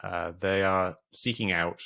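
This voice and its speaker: A man's voice: low-pitched, steady tone, unhurried, creaky, pushed and bright, clean tone. A man being interviewed on a podcast, explaining things at length with frequent restarts and fillers. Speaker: guest, debunker of conspiracy theories.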